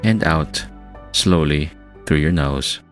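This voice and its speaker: A man hosting a guided meditation, speaking in a soft, soothing, hushed manner with long calming pauses, like a spa relaxation track. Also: very deep voice. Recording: voice over New-age music. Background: New-age music.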